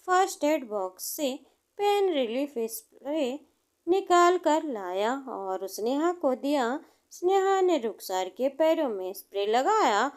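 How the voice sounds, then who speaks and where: Slow, high, sing-song woman narrator. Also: darkish tone. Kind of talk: scripted storybook narration.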